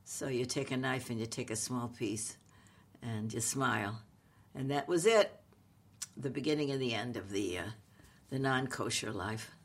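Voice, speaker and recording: Elderly woman. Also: a bass voice. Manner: halting, wry, playful. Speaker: comedic actress, podcast co-host. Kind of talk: casual conversational storytelling.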